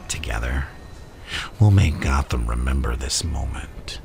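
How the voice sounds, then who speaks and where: A man playing a theatrical, manipulative madman supervillain in an ASMR roleplay, speaking in a gravelly, breathy half-whisper and savouring each phrase. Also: rumbling low, expressive, a little slow, noisy background, heavily acted. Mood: intimate, reflective menace. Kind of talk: ASMR villain roleplay monologue.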